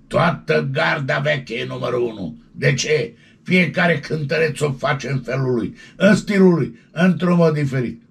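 A man delivers showbiz gossip in a loud, colloquial, excitable way, breaking into yelps. His voice is gravelly and husky, and his pitch leaps up and down constantly. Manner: excitable, colloquial, yelping interjections. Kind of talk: animated gossip commentary.

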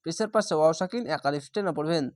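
A man teaching Quran reading who spells out each letter and vowel mark before slowly reciting the whole word. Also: a little high, no room sound, clean studio sound. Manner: draws out recited words slowly.

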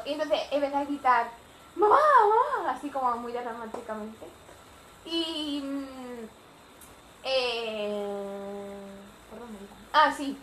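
Teen Spanish vlogger, rambling storyteller, high voice, roomy echo. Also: female voice, fairly bright tone, a little hiss or hum. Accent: Spanish from Spain. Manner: chatty, rambling with fillers. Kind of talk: casual storytime. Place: home living room.

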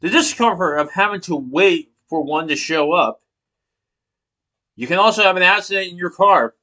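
Into a laptop webcam from below, a man in his thirties delivers a persuasive class speech in a small room, partly from notes. His voice sits high and sounds expressive, bright and forceful at a moderate pace, and he uses rhetorical questions along with emphatic hand gestures.

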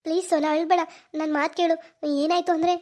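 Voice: very high-pitched, little pitch movement, quick pace, a little mellow. A voice actor playing a young man in a cartoon, anxiously pleading with his girlfriend. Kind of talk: cartoon voice acting.

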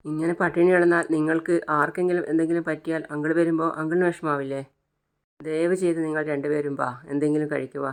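A narrator reading a young man's earnest reassurances to his family in a flat voice. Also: medium pitch, fast talker, close to an everyday voice. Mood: reassuring.

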